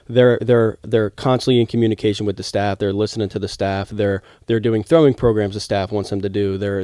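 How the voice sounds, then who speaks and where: A man's voice: on the low side, dark tone, no room sound, clean studio sound. A young man co-hosting a casual sports podcast. He rambles heatedly and restarts his sentences often. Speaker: podcast co-host, former college baseball player.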